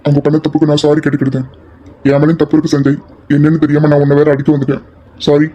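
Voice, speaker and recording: A man voicing hot-tempered college guy, higher voice. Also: completely flat delivery, very fast, muffled recording, very noisy, natural voice. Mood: heated. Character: young male college students, hot-tempered friends. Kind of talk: amateur audio drama acting.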